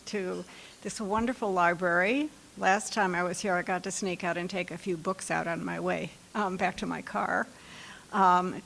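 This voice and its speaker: At a library event room poetry reading, a woman poet introduces and reads her own poems in a light, unhurried, deliberate voice. It's mid-range, gravelly and fairly bright, and the low-quality recording carries slight background noise.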